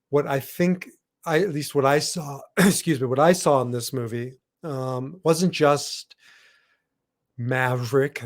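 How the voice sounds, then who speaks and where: A middle-aged man hosting a solo podcast as a logotherapist, talking casually and correcting himself with asides as he goes. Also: mid-range voice. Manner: rambling, self-correcting, with asides.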